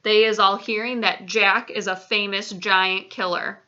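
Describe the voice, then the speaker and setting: A woman voicing a gentle, cautious male giant from a storybook, explaining earnestly in quaint, muddled grammar. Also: medium pitch, steady tone, unhurried, dull audio.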